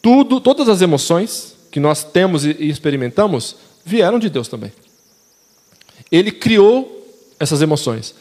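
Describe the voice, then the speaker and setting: A young Brazilian Portuguese-accented man preaches casually in a church hall, his slightly high, a little mellow voice very animated at a moderate pace. A long reverb tail follows his slangy, conversational talk as he questions the congregation.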